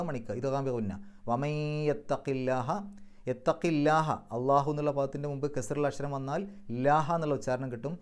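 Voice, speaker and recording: A man's voice: fairly high pitch, a little mellow. Man teaching Quran recitation rules. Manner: explains tajweed rules step by step, slowly chanting example words. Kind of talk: religious lesson with recitation drills.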